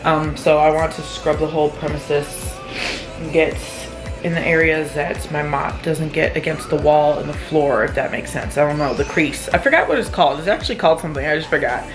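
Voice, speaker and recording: A woman's voice: sits low, fairly quick. A tired young woman vlogging about her weekend as a single mom, chatty and rambling with small self-deprecating laughs. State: tired, yawning. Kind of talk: casual vlog narration. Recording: music playing underneath.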